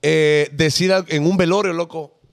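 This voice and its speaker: A man, co-hosting a casual podcast and tossing in quick jokes. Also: on the high side, steady tone, vocal fry. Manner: quick interjections, joking. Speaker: podcast co-host. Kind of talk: casual chat.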